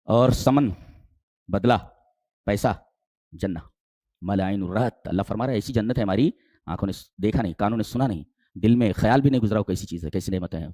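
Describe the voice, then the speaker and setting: A man preaching a sermon in with Quranic exegesis, asking rhetorical questions and climbing to emphatic high peaks before dropping low. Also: long pauses, warm tone, no room sound, clean studio sound. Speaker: Islamic preacher.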